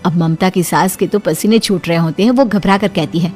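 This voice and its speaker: A woman narrating a cartoon moral story in an expressive storytelling manner. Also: on the low side, a little fast, soft background music.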